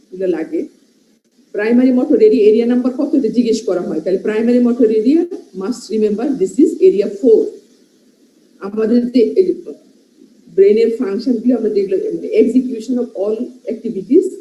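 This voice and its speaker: A woman's voice: on the high side, warm tone. A woman with a Bangladeshi accent gives a medical lecture, switching between Bengali and English and listing terms while checking in with "right?". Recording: muffled, echoey classroom recording.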